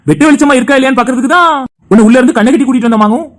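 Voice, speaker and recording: An actor voicing a group of cheerful young male friends in an animated family drama, trading lively, teasing banter. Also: high-pitched, very fast, heavy background noise, natural voice. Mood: warm. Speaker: cartoon voice actor.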